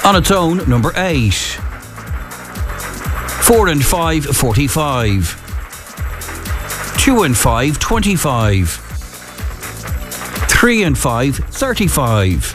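Irish man, bingo caller, higher-pitched voice, very lively intonation, set number-call phrases, music behind. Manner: measured, repeats each number in set phrases. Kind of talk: bingo calling, formulaic number calls. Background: music bed.

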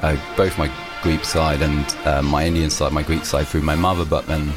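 This young musician has a very deep voice and speaks flatly at a normal pace while music plays behind him. Guesting on an interview, he responds casually and rambles, often restarting and using fillers.

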